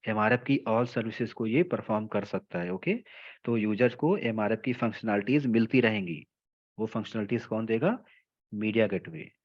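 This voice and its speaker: A man teaching a technical lecture. He explains slowly, mixes in English terms, repeats key phrases and checks in with his listeners often. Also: fairly low pitch, lo-fi sound. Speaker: telecom trainer.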